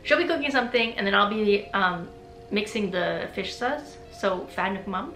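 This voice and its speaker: This vlogger, a young adult woman, talks casually about her life with plenty of "like" fillers and easy laughs. Her mid-range voice is animated, a bit bright, and moderately paced, set against a roomy echo and faint music.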